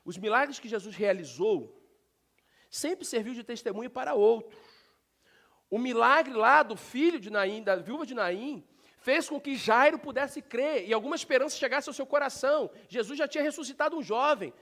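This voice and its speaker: Male pastor, brazilian portuguese accent, very high voice, animated sermon, sudden shouts. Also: moderate pace. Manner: preaching with sudden loud shouts; animated, talks directly to the congregation. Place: church sanctuary.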